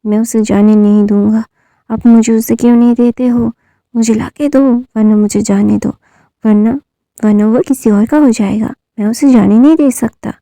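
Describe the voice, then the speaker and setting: A woman's voice: on the high side, fairly even intonation, moderate pace, dark tone, no room sound, natural voice. A woman voicing a desperate, obsessive young man who stammers and repeats himself as he pleads. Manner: frantic, stammering repetitions.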